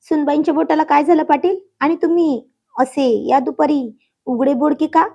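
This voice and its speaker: A woman's voice: high-pitched, fairly even intonation, moderate pace, creaky, warm tone, dull audio, voice pushed up. A woman voicing a nosy, gossiping older village man who talks breathlessly and pries. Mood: prying. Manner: breathless, prying.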